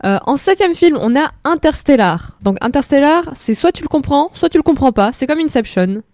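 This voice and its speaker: The studio recording has no room sound as a playful eighteen-year-old woman hosts a radio film segment, joking lightly through her list of films. She speaks at a normal speed in a high, slightly mellow voice with lively intonation.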